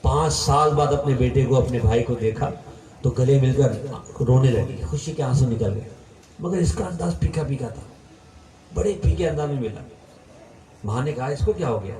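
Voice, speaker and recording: Dramatic preacher, echoey distant hall. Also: male voice, dark tone. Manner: dramatic storytelling, voice rising to impassioned peaks and sinking low for quoted lines. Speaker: religious preacher. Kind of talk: storytelling sermon.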